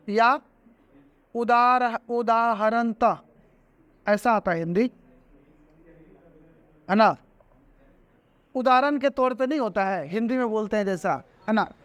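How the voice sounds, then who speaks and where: A man's voice: extremely high pitch, a bit bright. A man teaching a grammar lesson. He repeats each example word by word and often checks whether the class has understood. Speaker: English teacher.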